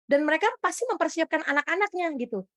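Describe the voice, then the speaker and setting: A woman from Indonesia preaching a testimony sermon in a high, bright voice. She tells her story with animated energy and keeps turning to speak straight to the congregation. The sound is dry and close. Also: fast, no echo.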